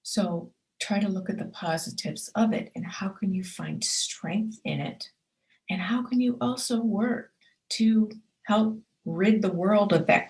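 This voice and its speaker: On her own show, a woman with a mid-range voice gives a motivational talk, earnest and emphatic in tone. She addresses the listener directly, piling up short affirmations she repeats. The recording is of poor quality.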